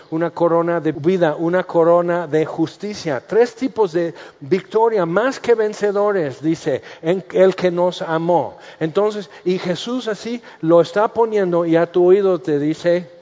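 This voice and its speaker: Male preacher, lively, acts out voices; slightly high voice, dull sound with long hall echo. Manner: animated, acts out quoted voices, jokes mixed with scripture. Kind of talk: sermon.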